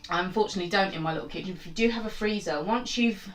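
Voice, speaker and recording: A woman's voice: medium pitch, rapid-fire, echoey room, far from the mic. A woman hosting a casual cooking demonstration in her small home kitchen, chatty and rambling with self-mocking asides. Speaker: home cook and channel host.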